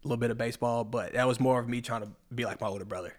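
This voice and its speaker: A man's voice: medium pitch, steady tone, racing. A young man from Georgia with a Southern US accent, a former college football player giving short, laid-back answers in a casual interview. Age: young adult.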